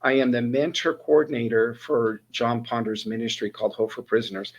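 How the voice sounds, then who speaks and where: A man in his sixties from Northern California, USA, tells his life story as a guest in a casual interview, a personal testimony from a ministry mentor coordinator. His mid-range voice is steady and brisk, and the lo-fi recording carries his earnest way of restarting sentences.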